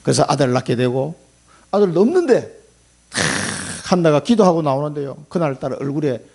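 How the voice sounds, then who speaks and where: A middle-aged male pastor preaching a sermon in an emphatic, folksy way, swinging between loud and soft. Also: a little high, very animated, moderate pace, breathy edge.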